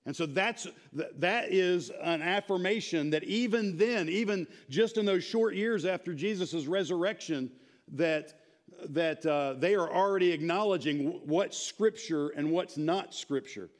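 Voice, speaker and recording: A man in his thirties teaching a church class in an animated, informal way, quizzing the group. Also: high voice, measured pace. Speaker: Bible teacher. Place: church sanctuary, speaking to a small audience.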